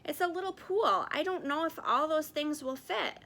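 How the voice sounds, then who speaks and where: A woman reading aloud as a calm, gentle, wise bear with a patient, soothing manner. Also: high-pitched, moderate pace, voice pushed up. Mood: calm, reassuring.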